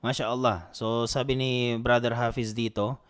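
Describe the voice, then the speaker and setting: A man's voice: medium pitch, little pitch movement, normal speed, smooth. Patient man teaching Arabic. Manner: patient, repeats and drills phrases, polite "po"; answers students by name. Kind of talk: online language lesson.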